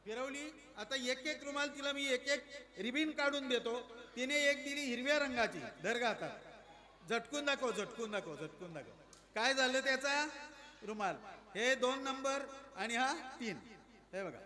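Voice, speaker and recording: A man performing a magic show for children, coaxing and quizzing his young audience in a playful, lively way. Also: extremely high pitch, unhurried. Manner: playful, coaxing, asks the crowd questions. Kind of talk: lively stage patter with audience.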